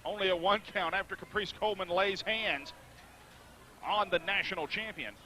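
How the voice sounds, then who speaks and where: A man doing live wrestling play-by-play in measured, articulate, formal phrasing. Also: high-pitched, bright, forceful tone. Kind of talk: live sports commentary. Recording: noisy live event recording.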